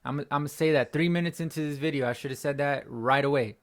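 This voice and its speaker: At home after a game, a young fan channel host for sports fires off a frustrated reaction, talking fast in a voice on the high side. It cracks as he rambles and says the same things over again.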